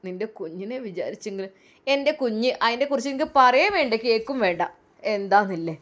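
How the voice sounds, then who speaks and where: A woman voicing a worried, gentle older father who pleads softly, with a Malappuram Malayalam accent. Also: a little high, animated, a little fast. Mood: pleading. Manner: pleading, soft.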